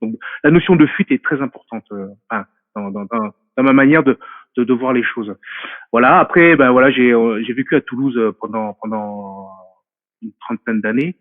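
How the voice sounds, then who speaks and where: A man's voice: medium pitch, normal speed, no echo. A man in his forties being interviewed, talking in a hesitant, reflective way with many fillers and restarts. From France. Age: 40s. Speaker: guest. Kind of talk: casual interview talk. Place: remote call from a mountain home. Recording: tinny dry phone-like line.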